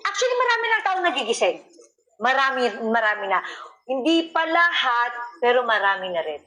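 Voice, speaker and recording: A woman's voice: high voice, sing-song, fairly quick, pushed and bright. A woman hosting an interview, asking probing questions and reacting to the answers. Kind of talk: conversational interview.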